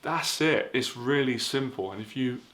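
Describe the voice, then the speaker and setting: A man's voice: medium pitch, moderate pace, a bit bright. A man giving casual dating advice in an earnest, repetitive way, full of fillers. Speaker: dating coach.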